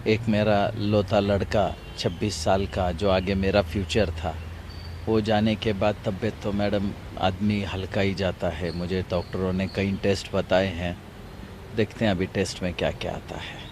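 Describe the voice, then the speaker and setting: A grieving middle-aged father speaking in a halting, repetitive way during an outdoor TV interview. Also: sits low, little pitch movement, noisy background. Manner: halting, grief-stricken, repetitive. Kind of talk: emotional TV interview.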